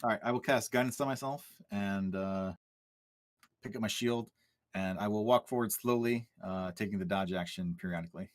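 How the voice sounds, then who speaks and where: A man's voice: fairly low pitch, moderate pace, dry recording, studio quality. A man playing a tabletop game over voice chat, joking and talking his plans through aloud. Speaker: player.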